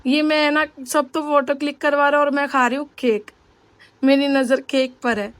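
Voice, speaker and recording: A woman's voice: sits high, level tone, moderate pace, no echo. A young woman vlogging in a casual, rambling way, chatting straight to her viewers. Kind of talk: casual vlog chat.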